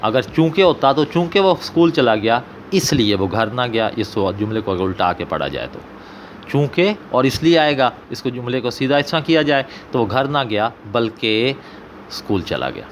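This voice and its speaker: A very animated Urdu teacher with a Pakistani Punjabi accent works through an exam paper, slowly repeating example sentences. His voice is medium-pitched, with a little hiss or hum.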